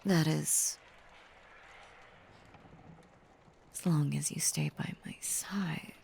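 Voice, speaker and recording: Here a woman plays an obsessive female werewolf lover in an intimate audio roleplay, her voice deep and darkish. She speaks breathily, often in a whisper, with a halting, intense, confiding manner, both tender and menacing.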